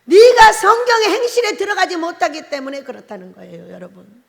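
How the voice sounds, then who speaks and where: High-voiced woman preaching in a hall. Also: big pitch swings, a little fast. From Jeolla Province, South Korea. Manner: emphatic preaching, rhetorical questions to the congregation. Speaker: pastor. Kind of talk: sermon. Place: prayer retreat chapel. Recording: long reverb of a large hall.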